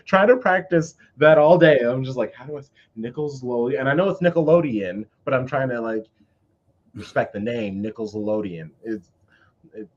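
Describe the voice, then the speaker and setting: A man's voice: medium pitch, highs cut off. Male host, casual banter, jokey, trips over words. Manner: playful, stumbling over words. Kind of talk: casual chat.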